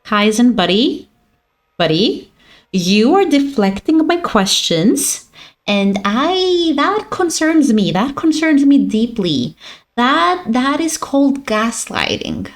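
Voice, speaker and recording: A woman streamer talks back to a game character with sassy, mock-dramatic flair. Her pitch swings widely, and she takes her time between lines. The audio sounds a bit rough. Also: big pitch swings, slow. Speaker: gaming streamer. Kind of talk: let's play commentary.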